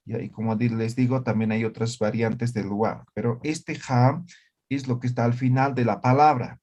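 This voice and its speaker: A man leading a virtual language class, walking students through grammar points one by one. He talks in a plain, middle-pitched voice. He checks in often with short questions to make sure everyone follows. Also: steady tone, normal speed, a little mellow. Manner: explanatory, checks understanding with frequent "¿ya?" and "¿no ve?". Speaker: Aymara language teacher. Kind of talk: online class lecture.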